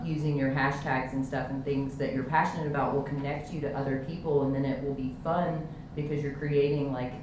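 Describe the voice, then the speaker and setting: Very low-voiced woman, echoey noisy room. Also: far from the mic. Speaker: panelist. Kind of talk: casual panel talk. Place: panel event room with an audience.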